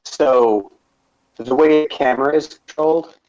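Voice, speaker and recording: A man chatting on a gaming podcast, stopping and restarting often and filling gaps with "um" and "uh". His voice sits at an ordinary pitch. The audio is dull and lo-fi. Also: a little mellow. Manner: halting, many fillers and restarts. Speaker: podcast co-host. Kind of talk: casual gaming chat.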